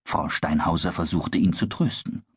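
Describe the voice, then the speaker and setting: A man narrating a children's story in a calm, measured storytelling manner. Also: deep voice, breathy edge, dry recording, studio quality.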